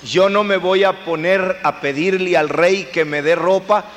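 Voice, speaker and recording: A man voicing a poor man who calmly explains his crafty plan. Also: sits high, unhurried, highs cut off. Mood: sly. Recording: long hall reverb, faint noise.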